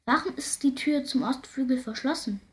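A woman's voice: sits high, normal speed, voice pushed up, lightly acted. A woman voicing a curious, timid young princess in a fairy tale, asking hesitant questions.

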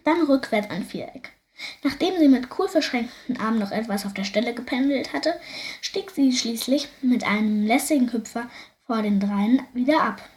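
A woman reading a children's story aloud with lively expression. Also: a little high, normal speed.

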